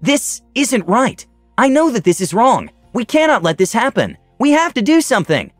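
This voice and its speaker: A man's voice: very high-pitched, very animated, moderate pace, dry recording, soft background music, pitched above the performer's own voice. A man voicing an earnest daughter who insists on doing the right thing, pleading and urgent. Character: earnest young daughter with strong morals.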